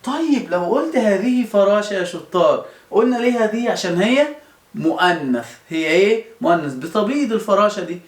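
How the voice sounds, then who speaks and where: A man's voice: high-pitched, expressive, a little fast. Coaxing Egyptian man teaching children. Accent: Egyptian Arabic. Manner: coaxing, asks children questions and repeats answers. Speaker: primary school teacher. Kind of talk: children's lesson. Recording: roomy echo.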